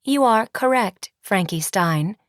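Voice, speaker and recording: A woman's voice: medium pitch, animated, slow pace, no room sound, clean studio sound. A woman voicing a colorless, commanding female school founder made of words, who speaks in clipped announcements. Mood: cold commanding. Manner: clipped, commanding, announces each remark with a one-word label.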